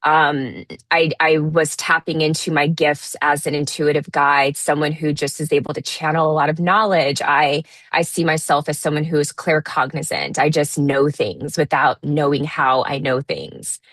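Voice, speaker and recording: A woman in her thirties talking in a relaxed, reflective way as an interview guest, often restarting her sentences. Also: deep voice, dry recording. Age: 30s. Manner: reflective, many restarts and fillers. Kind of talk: casual interview talk.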